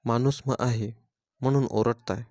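A man playing a calm, mysterious wanderer. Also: mid-range voice, no room sound, clean studio sound, natural voice. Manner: calm, quiet, measured.

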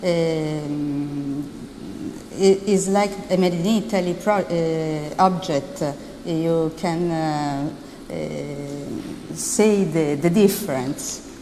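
A woman answering on a conference panel, halting and searching for words with many fillers. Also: sits low, fairly even intonation, warm tone, a little hiss or hum. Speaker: panel guest, fashion designer. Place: conference hall. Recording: conference hall reverb, faint ambience.

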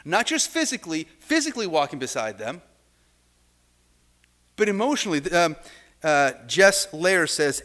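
Picked up by a far-off camera, a middle-aged man delivers a sermon at a church lectern. The pastor's voice is fairly high and a bit bright, and his delivery is conversational, full of asides and false starts.

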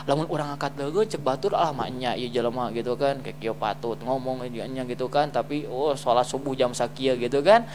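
A man teaching an Islamic study class in a lively, joking manner, swinging between loud emphasis and quiet asides and often asking if listeners understand. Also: mid-range voice, fairly quick, few pauses, slight background noise. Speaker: religious teacher. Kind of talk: casual Islamic study lecture. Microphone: streamed live.

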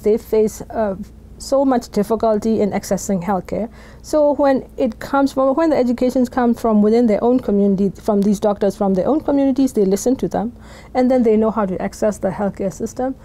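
A woman's voice: on the high side, mellow, low-quality recording. A middle-aged woman program coordinator speaking earnestly and emphatically in a documentary interview in an office. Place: indoor office.

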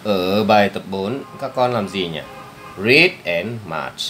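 Slow, patient low-voiced male teacher. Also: animated, fairly bright tone, faint music behind. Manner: patient, repeats words slowly for the pupil to copy. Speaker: English teacher. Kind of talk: step-by-step spoken lesson for children.

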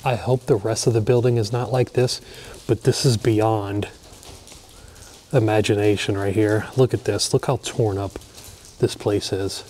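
An urban explorer vlogger films himself inside a dark, abandoned hospital, narrating and commenting on the spot as he speaks to viewers in awe. His lowish voice is a little mellow, with fairly even intonation and a measured pace, against slight background noise.

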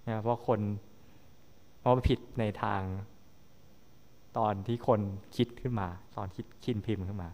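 A man's voice: medium pitch, steady tone, unhurried, pauses often, a little mellow. Male university lecturer, mid-range voice, explaining patiently to a class in a reverberant hall. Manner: explanatory, often checking understanding with tag questions.

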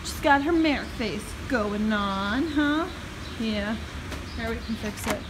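Slow and slightly high-voiced, a young adult vlogger chats to her viewers with frequent laughter. She holds her phone at arm's length to film herself in a rainy, partly outdoor horse barn, and the phone audio picks up barn noise.

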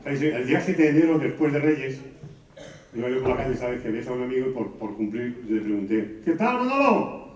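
A man with a La Mancha Spanish accent telling quick stand-up jokes to a live audience, jumping into high voices for the characters. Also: steady tone, a little mellow. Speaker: stand-up comedian. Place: stage in a hall. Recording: roomy, distant, dull live recording.

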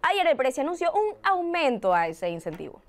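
A woman's voice: high voice, brisk, noisy background. A young woman presenting a student news show in a studio, teasing and upbeat, on a lapel mic. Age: young adult. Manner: lively and teasing. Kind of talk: scripted satirical news reading.

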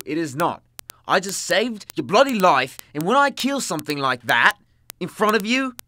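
Guy doing a deadpan sarcastic demon hunter, cartoon animatic, bit of hiss behind him. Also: lowish voice. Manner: dry, sarcastic.

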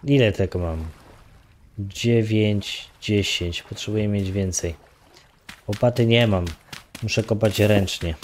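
This low-leaning male voice moves slowly, with a bit of noise in the background. It's a gaming YouTuber casually narrating his own gameplay in let's-play style, muttering counts, grumbling, and swearing lightly.

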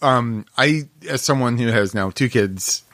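A man's voice: mid-range voice, moderate pace, fairly bright tone, no echo. A man co-hosting a podcast in casual chat, easygoing and laughing often. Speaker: podcast co-host.

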